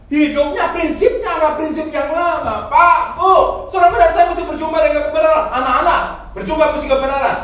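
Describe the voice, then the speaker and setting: A man's voice: very high-pitched, brisk, a bit bright. A man preaching a Pentecostal sermon, teasing his congregation and often asking them questions. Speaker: pastor. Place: large church hall. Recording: echoey church hall, distant dull mic.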